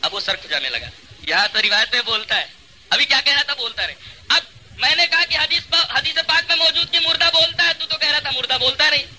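A man's voice: very high voice, lively intonation, sharp tone, poor audio. A male Islamic preacher giving a religious lecture, arguing his point with rhetorical questions and mocking an opposing cleric. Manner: argumentative, full of rhetorical questions.

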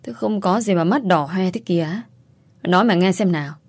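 A woman's voice: fairly low pitch, normal speed, darkish tone, dry recording. A woman voicing a worried, protective mother-in-law over sixty in a told story. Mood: concerned. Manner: concerned, protective. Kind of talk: storytelling, acted dialogue.

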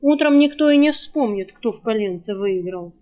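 A good-natured young male thief, as a woman reading an audiobook voices him, who grumbles in a down-to-earth way. The voice stays close to the reader's own, somewhat high for a man. The recording sounds dull and lo-fi. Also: lively intonation, normal speed, close to an everyday voice. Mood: easygoing. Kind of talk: audiobook character voicing.

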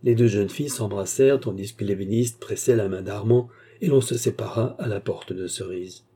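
Dark-voiced husky male narrator. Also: on the low side, normal speed. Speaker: audiobook narrator. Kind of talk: scripted narration of a novel.

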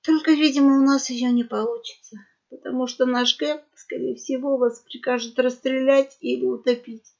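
A woman's voice: high-pitched, steady tone, normal speed, gravelly, darkish tone. A woman voicing a sly female cat pirate who purrs with false sweetness, on a dull lo-fi recording. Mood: mock sad.

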